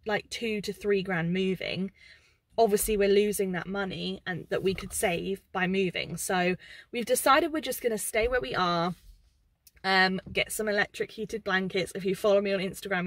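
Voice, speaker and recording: A woman's voice: mid-range voice, fairly bright tone, no room sound. A young woman giving a casual, open life update from inside her parked car, filmed close up and talking with lots of fillers. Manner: chatty, open, lots of "um" and "like", hands moving. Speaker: vlogger. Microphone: camera facing her at close range.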